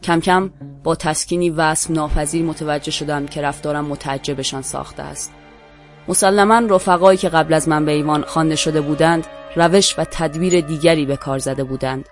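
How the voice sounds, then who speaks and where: A narrator with a Persian accent giving a measured, dramatic reading of a literary short story. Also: mid-range voice.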